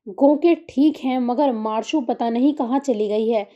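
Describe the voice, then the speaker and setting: Woman reading as a worried auntie in a story, pleading, soft warm tone, slightly high. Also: muffled recording, lightly acted. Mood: tearful. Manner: pleading, distressed. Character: tearful anxious middle-aged aunt.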